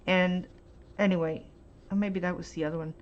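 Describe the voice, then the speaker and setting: An art vlogger with a lowish, fairly even voice chats through a paint swatching demo at home. She rambles and hesitates, filling pauses with um and uh, on a dull lo-fi home recording with faint hiss.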